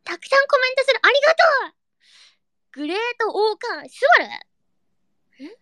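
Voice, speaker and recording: Super high-pitched young woman chatting live w/ listeners, cutesy and bubbly, dry close sound. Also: normal speed, dry recording. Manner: excitable, bursts into high squeals and giggles; cutesy, baby-talk endings. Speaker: streamer hosting a live audio chat. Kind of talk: casual chat reading listener comments.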